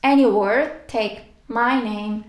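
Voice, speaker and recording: A woman teaching a language lesson, slowly repeating each word and letter for practice. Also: fairly high pitch, reverberant. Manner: patient, repeats words for practice. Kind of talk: slow step-by-step alphabet lesson.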